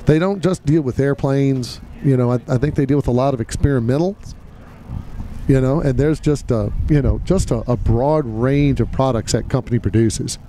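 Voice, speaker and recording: A man's voice: medium pitch, moderate pace, mellow, a little hiss or hum. A man announcing a live air show competition, calling takeoffs with a showman's flair and addressing the crowd. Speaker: event announcer. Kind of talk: live sports commentary.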